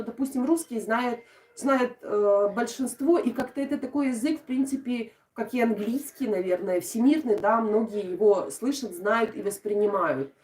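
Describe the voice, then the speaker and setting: Speaking Russian with a southern Ukrainian accent, this Odesa woman softens her g sounds and says "sho." Her voice sits on the high side as she chats casually on a craft live stream, answering viewer comments warmly with frequent laughs and plenty of fillers. The recording sounds roomy, picked up by a distant mic.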